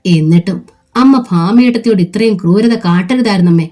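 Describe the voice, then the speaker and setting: A woman's voice: medium pitch, brisk, mellow, soft background music, close to an everyday voice. Woman reading as an indignant young sister-in-law. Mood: reproachful.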